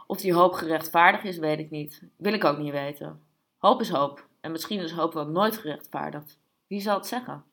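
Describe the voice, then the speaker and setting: A woman reading aloud, voicing a boastful, restless middle-aged man who swings between loud bragging and whispers. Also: low voice, normal speed. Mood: musing.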